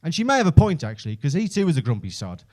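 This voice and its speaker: A man's voice: fairly high pitch, wildly swooping pitch, very fast. A man with a Birmingham Brummie accent telling stand-up stories in a conversational, self-deprecating, sweary way. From Birmingham, England. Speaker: stand-up comedian. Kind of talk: stand-up comedy storytelling.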